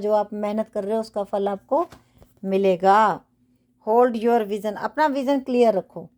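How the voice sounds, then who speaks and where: A woman lays out tarot cards and talks her viewers through a reading from home. Her voice sits a little high, and she speaks slowly and deliberately. She is earnest to the point of preaching, repeats her phrases, and slips English affirmations into her talk. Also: dark tone. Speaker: tarot reader. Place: home bedroom, cards spread on a bed.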